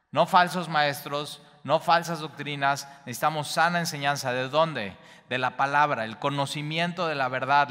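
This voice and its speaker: Bright-voiced pastor teaching with emphatic repetition. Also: male voice, a little high, big-room sound. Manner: repetitive, emphatic, slight stumbles. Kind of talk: Bible study teaching.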